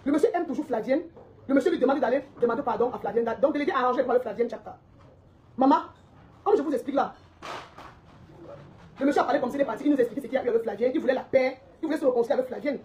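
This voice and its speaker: A woman's voice: high-pitched, very fast, long pauses, darkish tone, dull audio, slight background noise. A woman delivering a heated, confrontational social media rant, repeating her points and laughing mockingly.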